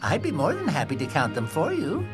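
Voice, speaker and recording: A man's voice: a little high, wildly swooping pitch, a little fast. A man voicing a fussy but patient grown-up rabbit in a children's cartoon, speaking in a precise, instructive and exclaiming way. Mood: encouraging. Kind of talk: animated children's cartoon acting. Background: music.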